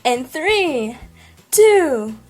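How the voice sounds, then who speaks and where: A woman's voice: high voice, very animated, extremely slow, soft background music. A woman artist vlogger talking casually and enthusiastically straight to her viewers. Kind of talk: casual vlog chat and voice-over narration.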